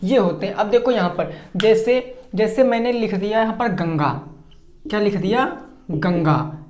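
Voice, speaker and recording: A man's voice: sits high, unhurried, darkish tone. A male teacher giving an exam-prep grammar lesson, who asks a question, answers it himself, stretches his example words and keeps checking that students follow. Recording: echoey room.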